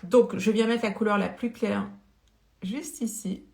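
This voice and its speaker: A woman's voice: mid-range voice, steady tone, unhurried, vocal fry. Chatty woman live-selling in a roomy space. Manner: chatty, greets viewers by name, hesitant fillers. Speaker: beauty live-stream seller. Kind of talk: casual live-stream demo. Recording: roomy echo.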